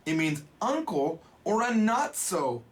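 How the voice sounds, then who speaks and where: A man teaching Japanese in a relaxed, casual way, full of joking asides. His voice sits a little high and swings widely up and down. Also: takes it slowly. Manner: playful, jokey asides. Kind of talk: casual spoken lesson.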